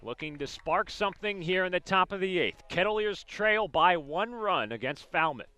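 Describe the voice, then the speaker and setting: A man with a high-sitting voice and lively intonation describes a baseball game live for radio, calling the action in short, clipped phrases at normal speed. His tone is pushed and bright, and the sound is clean with no echo.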